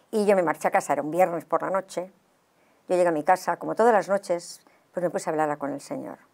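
A woman giving her personal testimony in an interview. She tells it as an animated story and acts out the dialogue. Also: mid-range voice.

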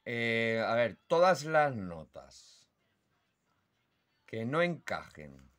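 Medium in pitch, smooth and fairly bright, his voice swings widely up and down. This Spanish man from Spain teaches how to judge songbird calls, speaking slowly and deliberately and imitating each call aloud.

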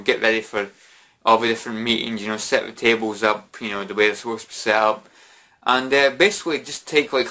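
A man's voice: medium pitch, bright, forceful tone. A young British man, drunk, chatting casually in a rambling, repetitive way to camera, often saying "you know". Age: young adult. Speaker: vlogger. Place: small bedroom at home.

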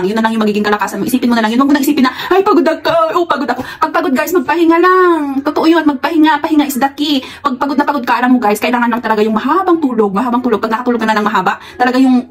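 A woman with a Filipino accent, a worker abroad who chats casually to her viewers, laughing often and giving encouraging advice. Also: on the high side. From Philippines. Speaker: vlogger. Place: employer's home abroad.

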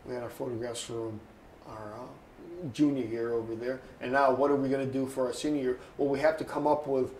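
Speaking fairly quickly in a steady, slightly mellow mid-range voice, this man in his sixties is a photographer giving an oral history interview. He wanders from story to story and performs the voices of the people he quotes, while the echoey room carries a faint background hum.

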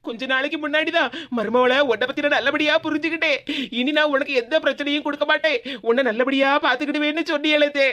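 A woman's voice: high-pitched, steady tone, fast talker, fairly bright tone. A woman voicing a put-upon young daughter-in-law in a cartoon, with a Tirunelveli Tamil accent and a complaining, plaintive manner. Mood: hurt. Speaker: cartoon voice actor. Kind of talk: comic cartoon voice acting.

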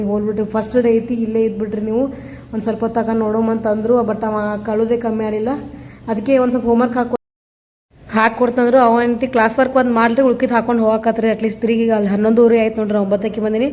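Fast-talking North Karnataka mother. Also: on the high side, mellow, slight background noise. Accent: North Karnataka Kannada. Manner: chatty, keeps saying "see" to viewers. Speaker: mother vlogger. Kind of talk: casual vlog narration.

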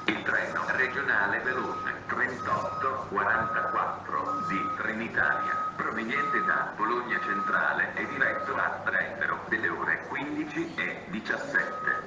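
Echoing, distant male train station announcement. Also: on the low side. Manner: formal, segmented automated announcement delivery. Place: outdoor railway platform, heard over loudspeakers. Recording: echoey station loudspeaker from far off, noisy. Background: clear station ambient noise.

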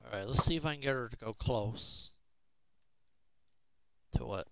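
Against a noisy background, a roleplay video series host talks through his gameplay, muttering his thoughts aloud in a casual way. His voice is medium-pitched with vocal fry, at normal speed.

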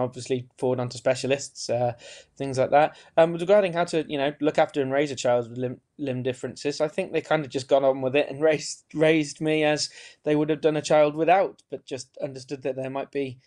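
A man speaks over a webcam from a small room at home. His pitch is middling, and he tells his story in a frank, relaxed way, with the odd light laugh. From Romania. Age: 30s. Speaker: interview guest. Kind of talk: recorded video-call interview. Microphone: webcam on a video call.

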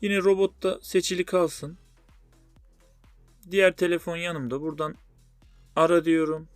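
A man's voice: fairly high pitch, fairly even intonation, unhurried, clear, resonant tone, no echo. A man hosting a spoken phone tutorial, explaining things step by step. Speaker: tutorial host. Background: music.

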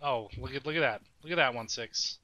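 A man's voice: mid-range voice, brisk, pushed and bright. A man acting as commander in a military simulation game, mixing radio callouts with profane, casual squad chat over a gaming headset. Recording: slightly muffled gaming voice chat.

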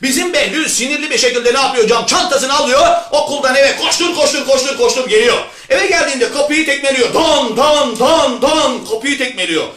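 High, bright-voiced male teacher. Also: fast, hardly any pauses, echoey room. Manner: animated, repeats key words for emphasis. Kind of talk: lively storytelling lecture.

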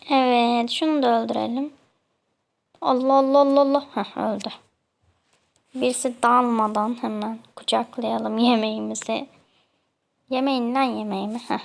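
A young Turkish woman talks through her gameplay in a casual, chatty way. She keeps nagging the other players with playful mock annoyance. Her voice sits high and has a gravelly edge. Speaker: gamer.

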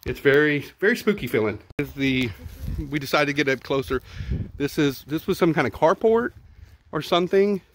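This vlogger, a middle-aged man with a Texan accent, explores outdoor zoo ruins while filming on a handheld phone camera. His voice sits on the high side, expressive and fairly bright at normal speed, as he casually narrates, thinks aloud and repeats words, with a little hiss or hum in the audio.

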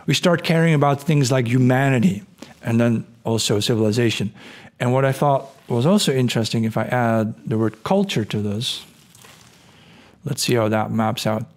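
Hoarse and clearing his throat, his voice cracking, this middle-aged podcast host thinks aloud at normal speed in a darkish, mid-range voice, full of fillers and restarts. He's explaining things casually over a screen share, recorded at home indoors on a boom-arm studio mic.

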